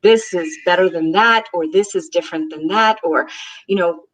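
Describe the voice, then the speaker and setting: A husky-voiced woman chats on a video call, talking with emphatic, enthusiastic conviction. She was born in Israel and raised in the United States. Her speech is loose and unscripted, full of fillers. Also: lowish voice, normal speed, poor audio. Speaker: co-host. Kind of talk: casual conversation.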